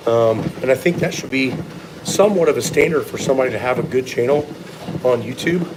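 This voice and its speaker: A man's voice: mid-range voice, fairly quick, background noise. A man giving blunt, opinionated, sometimes profane answers in a casual live question-and-answer chat as a strength coach.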